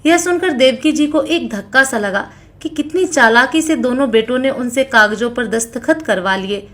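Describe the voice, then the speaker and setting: A woman's voice: moderate pace, fairly bright tone. A woman narrating a family moral story, voicing every character in her own voice with only small changes. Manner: reads all characters in her own voice, small pitch shifts.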